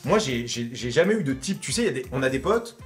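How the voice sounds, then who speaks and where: A young man co-hosting a casual chat, animated and teasing, laughing often. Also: medium pitch, quick pace, soft background music. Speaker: co-host.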